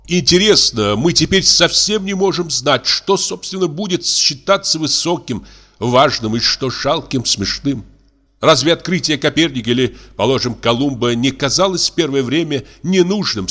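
A man's voice: on the high side, normal speed, bright, forceful tone. A man voicing a wistful philosophizing army officer. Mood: musing. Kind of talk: audiobook play reading.

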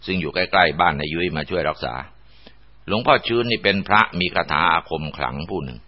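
A man's voice: low voice, lively intonation, a little fast. A man narrating a ghost story in a dramatic, vivid storytelling manner. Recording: dull lo-fi recording.

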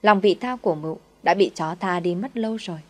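A woman narrating a story with a steady, dramatic reading. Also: fairly low pitch, a little fast.

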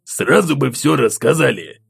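A gruff, grumbling nobleman father with a gravelly, husky edge, as a male narrator puts him on. His voice swings up and down with lively pitch, and a soft music bed plays under the storybook reading. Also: unhurried, no echo, exaggerated voice. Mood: angry grumbling. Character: gruff angry middle-aged male count, a father.

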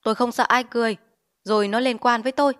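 Woman doing a bossy, shouting village chief. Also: fairly high pitch, fairly even intonation, fast talker, natural voice. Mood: defiant. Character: hot-tempered middle-aged village chief man.

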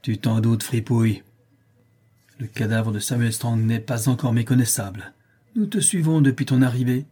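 A man's voice: medium pitch, normal speed, mellow, husky, lightly acted. A man reading a blunt, threatening gunman worker. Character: tough male factory worker with a gun.

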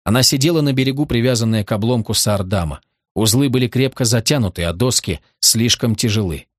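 A man narrating an audiobook in a steady, measured reading. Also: medium pitch, dry recording, clean studio sound.

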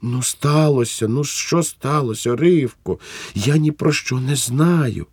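A man's voice: fairly low pitch, lively intonation, a little slow, a little mellow, no echo, clean studio sound, voice pushed up. A man reading aloud and voicing a nervous, pleading husband in a somewhat raised voice. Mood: bewildered. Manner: pleading, stammering. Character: flustered middle-aged husband, pleading and nervous.

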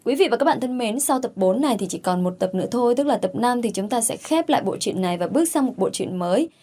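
A woman's voice: fairly high pitch, animated, fast, mellow. A woman host giving a polite, formal introduction to an audiobook episode and thanking listeners. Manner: polite, grateful address to listeners.

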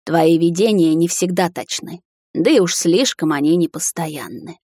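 A raw, broken voice of a desperate king from an audiobook, as a woman reader puts him on. He pleads and then shouts, strained with grief. The low voice sits in a dry room with no echo. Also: moderate pace, close to an everyday voice. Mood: broken, pleading. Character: anguished middle-aged king, desperate father. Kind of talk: audiobook character reading.

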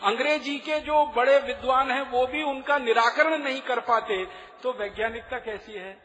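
A man lectures to an audience in a high, bright, forceful voice. He argues through rhetorical questions and spells words out. His voice rings with long reverb in a lecture hall. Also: normal speed. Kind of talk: public lecture.

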